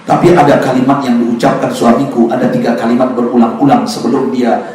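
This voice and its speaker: A man's voice: medium pitch, level tone, fairly quick, darkish tone, slight background noise, voice pushed down, lightly acted. A man preaching a sermon voices a grieving widow as she pleads through tears in an echoey prayer room, his voice heard from some distance off the mic. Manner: tearful pleading.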